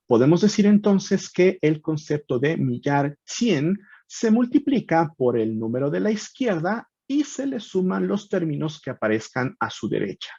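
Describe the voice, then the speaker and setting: A man teaching in a scripted lesson narration, calmly explaining step by step and spelling out example sounds slowly. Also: a little high, gravelly, breathy edge, no room sound, muffled recording. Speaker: language teacher.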